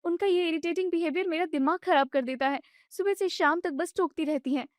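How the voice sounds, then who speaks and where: A woman voicing a young newlywed daughter-in-law who argues back in a high, exasperated voice. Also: fairly quick, no echo, clean studio sound. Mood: indignant. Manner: high, protesting complaints.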